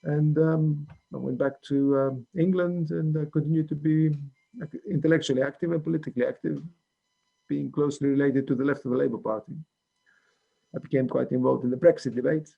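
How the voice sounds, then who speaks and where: A man's voice: on the high side, fairly even intonation, fairly quick, vocal fry, muffled recording. A man in his sixties, born in Greece, answering interview questions thoughtfully, with many ums and restarts. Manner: hesitant, frequent ums and restarts. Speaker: economics professor, interview guest.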